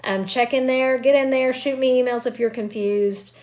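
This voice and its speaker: At home with kids around, a Spanish teacher records a remote grammar lesson, guiding students patiently step by step and offering encouragement. Her voice sits high, steady and darkish, at a normal speed.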